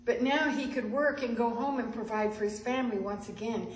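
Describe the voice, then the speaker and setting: A woman narrating a Christmas story at a spiritual center service, gentle and expressive with small restarts. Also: fairly high pitch, brisk, slight background noise. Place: church sanctuary. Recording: echoey sanctuary with faint ambience.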